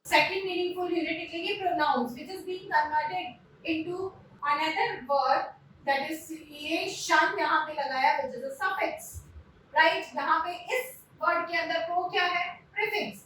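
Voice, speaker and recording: A woman's voice: extremely high pitch, slow, bright, forceful tone, a little hiss or hum. A woman teaching linguistics, explaining step by step and asking her class rhetorical questions. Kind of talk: classroom lecture mixing Hindi and English. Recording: very echoey room, voice from a distance.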